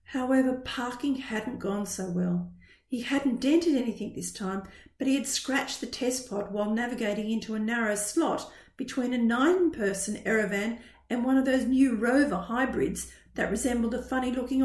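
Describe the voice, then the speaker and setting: A woman narrating a children's science-fiction story as an audiobook reading, with expressive, even storytelling. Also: a little high, moderate pace. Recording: roomy echo.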